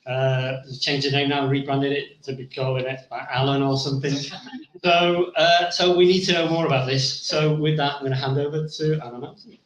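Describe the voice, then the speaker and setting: A man's voice: mid-range voice, flat delivery, moderate pace, fairly bright tone. Echoey, joking man compere. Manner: self-deprecating, joking, rambling. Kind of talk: casual stage introduction. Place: indoor venue at a live event. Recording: echoey live event room.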